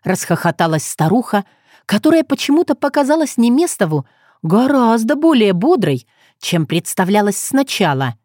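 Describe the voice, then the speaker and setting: In clean studio sound with no room echo, a female audiobook narrator performs a scripted story expressively. She speaks at a moderate pace with a medium-pitched voice.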